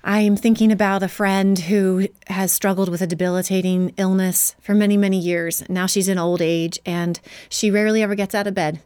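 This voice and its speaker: A woman taking part in a faith-based podcast discussion, thoughtful and measured, pausing to search for words. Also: mid-range voice, flat delivery, darkish tone, clear, resonant tone, no room sound. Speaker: Bible study participant.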